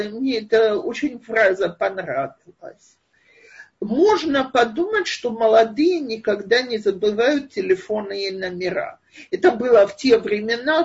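Slow, very breathy woman lecturing. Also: fairly high pitch, lo-fi sound. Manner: slow, thoughtful, with hesitations. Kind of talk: online lecture answering questions. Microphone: video call.

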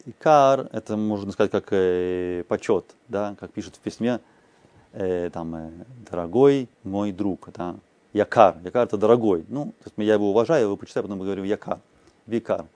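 A man with a low, mellow voice teaches a class at an unhurried pace, chanting short phrases and then explaining each one. The recording is dry and close, with no room sound. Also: dry recording. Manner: slow, explanatory, chanting phrases aloud and translating. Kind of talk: explanatory lesson.

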